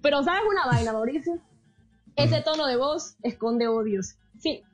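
A woman with a Colombian coastal accent tells a funny story as a guest. Her voice is high and lively, and she laughs easily. She talks in a loose, colloquial way. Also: a little slow, soft background music. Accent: Colombian Caribbean coast. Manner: animated, laughing often, colloquial. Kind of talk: comic storytelling in a chat.

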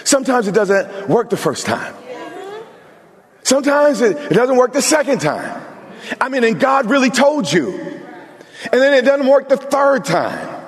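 A man's voice: very high-pitched, very animated, a little slow, long pauses, in a large hall. A male pastor preaching an emphatic sermon, talking straight to his congregation with humorous asides.

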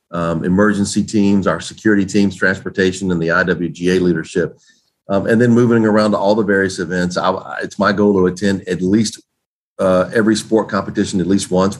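Very deep-voiced man, folksy. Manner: folksy, relaxed, many fillers and restarts. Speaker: guest, games organizer. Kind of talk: conversational interview answers.

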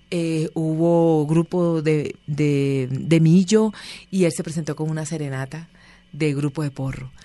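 Animated coastal woman storyteller. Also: low voice. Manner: animated, acts out quoted voices. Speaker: interview guest. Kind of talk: casual storytelling interview.

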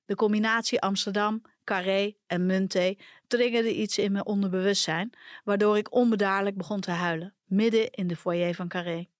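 A woman reading a first-person personal story aloud for a podcast, in a calm, measured storytelling manner. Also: medium pitch, no echo, studio quality. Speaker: podcast reader.

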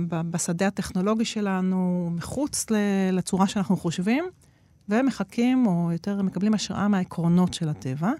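A woman's voice: medium pitch, darkish tone, no room sound. A woman being interviewed as an expert, explaining at length with frequent hesitation fillers. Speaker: guest expert on nature-inspired innovation.

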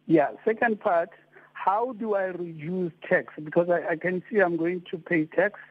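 A South African man calling in to a radio show over a phone line, asking hesitant, halting questions. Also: high-pitched. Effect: heard over a phone line. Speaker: radio caller.

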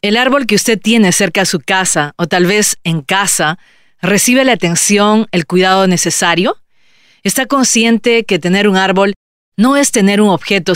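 A woman's voice: medium pitch, clear, resonant tone, no room sound, studio quality. Woman hosting a radio interview. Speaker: radio host.

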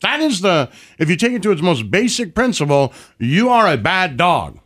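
A man with a bright, forceful voice, a little higher than most, tells stories in loose, foul-mouthed chat. He acts out the voices of the people in his stories as he goes. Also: normal speed. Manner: profane, animated storytelling with acted quotes. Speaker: podcast guest. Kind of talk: casual storytelling chat.

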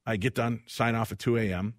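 A man's voice: fairly low pitch, fairly quick, no echo, studio quality. A man from Illinois hosting a radio talk show, telling stories casually and acting out the voices in them. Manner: animated, acts out the voices in his stories. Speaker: radio host. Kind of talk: casual storytelling chat. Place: radio studio.

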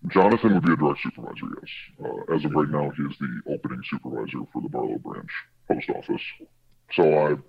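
A man whose voice has been electronically disguised into an extremely low, husky rumble. He answers questions plainly and haltingly, pausing on fillers. The clip sounds muffled and lo-fi. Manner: matter-of-fact, halting with fillers. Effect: electronically altered, very deep disguised voice. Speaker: postal worker whistleblower. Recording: muffled lo-fi video clip audio.

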